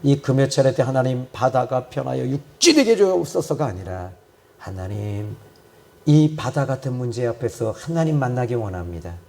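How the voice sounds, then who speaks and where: A male pastor preaching a sermon and praying, swinging from loud fervent repetition to quiet, low reflection. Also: sing-song, moderate pace, vocal fry. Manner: repeats phrases for emphasis. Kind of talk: sermon with prayer.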